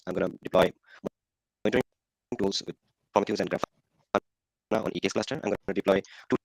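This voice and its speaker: Man presenter, headset on a bad call line, robotic garbled audio, husky and halting. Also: fairly even intonation, no room sound. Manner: halting, hesitant, with fillers and restarts. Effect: robotic, garbled low-quality video call audio. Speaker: presenter of a technical demo. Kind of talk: live online presentation. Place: office. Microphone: headset on a video call.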